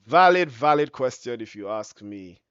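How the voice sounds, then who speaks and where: Man commentating football, drawn-out excited goal shouts. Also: medium pitch, smooth, no echo, lo-fi sound. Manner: drawn-out excited shouts on goals and big chances. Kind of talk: live match commentary.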